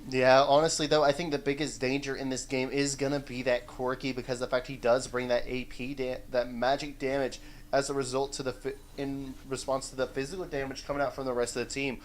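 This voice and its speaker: A man casting a live esports match play-by-play, excitable and rising to shouts on big plays. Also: mid-range voice, a little fast, few pauses, a little hiss or hum.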